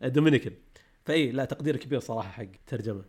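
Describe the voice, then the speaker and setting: A man speaks in relaxed podcast chat. He rattles along at a very fast clip, eager and quick to laugh, at an ordinary mid pitch. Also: slightly rough. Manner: rapid, enthusiastic, laughs easily. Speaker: podcast co-host. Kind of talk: casual chat.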